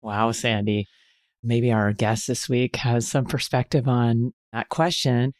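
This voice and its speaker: A man co-hosting a podcast in a medium-pitched voice. He asks curious questions and jumps in with quick follow-ups. The sound is dry and close, with no room echo. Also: steady tone, darkish tone. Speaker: podcast co-host.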